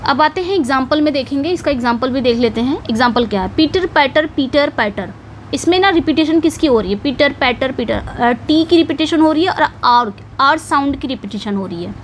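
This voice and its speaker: Woman teacher, high voice, patient and repetitive, slow deliberate reading of English examples, faint noise behind. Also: animated. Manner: explains patiently, repeating points and asking questions back to students. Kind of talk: exam-prep lesson in Hindi and English.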